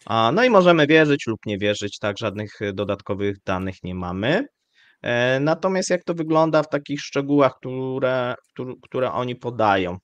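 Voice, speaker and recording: A man hosting live economic commentary, speaking in a measured, hesitant way with frequent fillers. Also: medium pitch, lively intonation, no room sound, dull audio. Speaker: show host.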